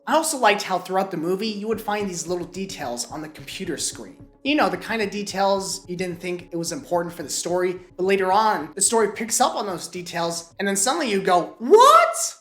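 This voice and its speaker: A woman's voice: mid-range voice, lively intonation, a little fast, hardly any pauses. A woman reviewing a film in a scripted video, her voice still recovering from a cold, with playful jokey asides. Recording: echoey room with music.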